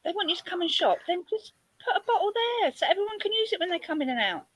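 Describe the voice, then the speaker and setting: A woman with a South London accent chats blunt and fast, her pitch leaping around. Her voice is bright and forward. The recording is dry, with no room sound. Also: big pitch swings, no room sound. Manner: chatty, blunt, swears casually. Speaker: chat participant. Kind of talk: casual group chat.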